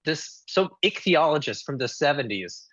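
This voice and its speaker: A man's voice: a little high, sing-song, moderate pace, fairly bright tone, lo-fi sound, a little hiss or hum. A man who is a podcast guest, explaining his thoughts on a movie in a casual, thoughtful way.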